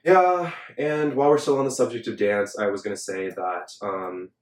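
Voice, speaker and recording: A man's voice: lowish voice, fairly even intonation, normal speed. A young man hosting a podcast, chatting casually and filling his talk with "like". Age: young adult. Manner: filler-heavy, chatty, frequent "like". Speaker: podcast host. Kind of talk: casual chat. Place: Los Angeles. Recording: roomy echo.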